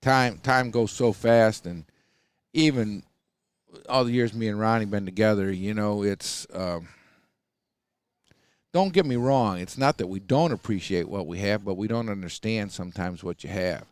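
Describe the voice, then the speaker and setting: A man's voice: on the low side, a little slow, clean tone, no room sound, studio quality. A man who owns a hunting dog kennel, telling stories in a folksy, rambling way full of fillers, recorded for a podcast. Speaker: coonhound kennel owner. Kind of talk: casual storytelling.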